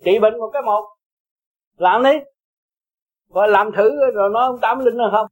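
High-voiced blunt teacher. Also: male voice, normal speed, low-quality recording. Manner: blunt, emphatic, coaxing and scolding. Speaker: Buddhist teacher. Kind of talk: blunt Dharma talk to followers.

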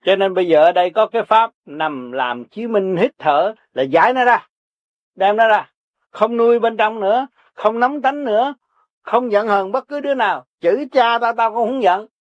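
An older man with a Southern Vietnamese accent preaches Buddhist practice in a blunt, folksy way, hammering his points through repetition. His voice sits high for a man. The recording is dry and dull, like a lo-fi tape. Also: expressive, normal speed, no echo. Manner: blunt, repetitive, urging, earthy. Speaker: Buddhist teacher. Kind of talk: folksy spiritual teaching to listeners.

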